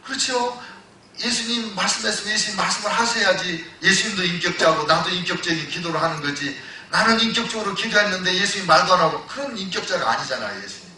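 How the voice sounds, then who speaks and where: Bright-voiced pastor preaching in a hall. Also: male voice, sits high, expressive, fast, a little hiss or hum. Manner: storytelling, swings from loud exclamations to hushed retelling. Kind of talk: sermon. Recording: echoey church hall, voice from a distance.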